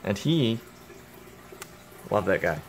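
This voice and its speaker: A young man with a low, gravelly voice chats through a home vlog about his reptiles. He rambles, cracks jokes and talks straight to the animals. It is caught on a phone, with faint background noise. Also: big pitch swings, slow pace. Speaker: reptile keeper vlogger. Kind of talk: casual vlog. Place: home, indoors. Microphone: phone camera.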